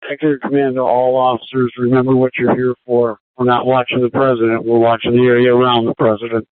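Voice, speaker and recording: Man, radio dispatcher, heard over a two-way radio, flat even delivery, tinny dry sound. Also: mid-range voice, brisk, no room sound. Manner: calm, procedural radio talk. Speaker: air command radio dispatcher.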